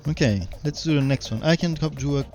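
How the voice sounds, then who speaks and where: A man with a French accent, a native French speaker, giving halting live game commentary with a tired voice. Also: a little high, a little mellow, faint music behind. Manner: halting, repeats words while searching for English. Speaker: game streamer.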